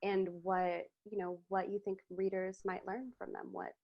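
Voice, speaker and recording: A woman's voice: medium pitch, little pitch movement, normal speed, muffled recording. A woman interviewer asking thoughtful questions, with many "um"s and "you know"s. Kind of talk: conversational interview.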